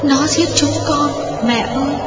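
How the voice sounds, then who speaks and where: A man's voice: very high-pitched, steady tone, a little slow, highs cut off, over music, pitched above the performer's own voice. A man voicing a grieving mother in her fifties who stammers out tearful pleas. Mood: anguished.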